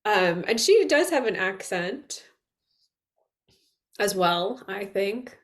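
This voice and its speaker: A woman's voice: mid-range voice, big pitch swings, slow pace. A woman from Long Island co-hosts a podcast in a loose, teasing way. She talks in easy conversation and laughs often. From Long Island, New York. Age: young adult to middle-aged, a mother. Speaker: podcast co-host. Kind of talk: casual conversation.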